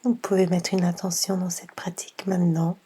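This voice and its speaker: A woman guides a slow yoga nidra meditation in a soft, half-whispered voice that is husky and on the low side. Her delivery is flat and unhurried, with long pauses between gentle instructions.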